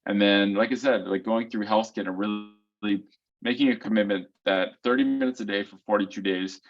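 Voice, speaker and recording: A man with a fairly low voice talks through answers in a loose, explanatory way, dropping in "um" and "right?" as he goes. The sound is dull and lo-fi, like a video call. It feels like a casual community Q&A. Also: steady tone, normal speed. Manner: explains step by step, keeps checking in with "right?" and "um". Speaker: co-host of a foot health community call.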